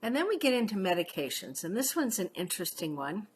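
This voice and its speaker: A woman's voice: medium pitch, big pitch swings, fast, slight background noise. A middle-aged woman paramedic teaching a class in a casual, chatty way, often checking in with "okay?" and telling personal stories. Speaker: paramedic instructor.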